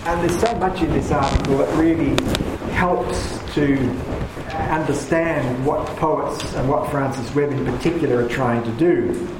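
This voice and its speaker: A man leads a poetry class with enthusiasm, restarting his sentences again and again. His voice carries through an echoey room. Steady background noise hangs under it. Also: fairly high pitch, measured pace. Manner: enthusiastic, rambling with many restarts. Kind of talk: leading a class discussion. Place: room with paintings, a group seated.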